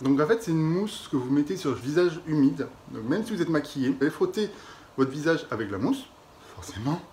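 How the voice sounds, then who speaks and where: A young French man chatting casually through a beauty product review vlog, expressive and quick to exaggerate and laugh. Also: a little high, slight background noise. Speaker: beauty vlogger.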